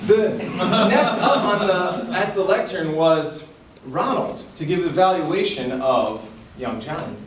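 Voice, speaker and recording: A man giving a tall tale speech in a theatrical storytelling manner with deliberate dramatic pauses, recorded indoors. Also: fairly high pitch, expressive. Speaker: contestant in a club speech contest. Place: indoor room before an audience. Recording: echoey room, far from mic, noisy.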